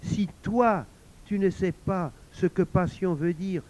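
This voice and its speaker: A man's voice: sits high, slow, a little mellow, pitched above the performer's own voice, rough recording. Man putting on a whiny, sulky wife. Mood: flattering. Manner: whining, reproachful, theatrical. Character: sulky scheming wife, sharp-tongued woman.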